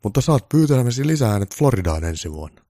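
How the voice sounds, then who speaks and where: In a dry recording, a man takes on the role of a calm, plainspoken elderly Santa Claus. He pitches his voice slightly higher and louder than usual, speaking in a firm, dry, matter-of-fact way.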